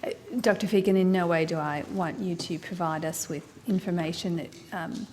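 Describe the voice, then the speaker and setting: A woman with a lowish voice presses officials with measured, persistent questions at a committee hearing. Her voice carries a long reverb from a large hearing room, with faint ambient noise behind it. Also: fairly even intonation, darkish tone.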